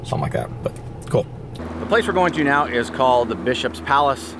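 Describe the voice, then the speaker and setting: A man's voice: mid-range voice, lively intonation, fairly quick. A middle-aged man chatting upbeat to a handheld camera, touring a town on foot and by car as an RV travel vlogger. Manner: upbeat, chatty, talks straight to the camera while walking and driving. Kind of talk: casual travel vlog narration. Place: outdoors in a town and inside a car. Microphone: handheld camera, arm's length. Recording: noisy outdoor and car ambience.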